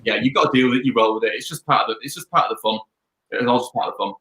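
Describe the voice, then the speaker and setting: Young dj guest, rapid bright delivery, echoey room on a video call. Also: male voice, medium pitch. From Leeds, England. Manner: chatty, upbeat, rambling. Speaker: DJ and music producer guest. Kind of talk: casual interview chat.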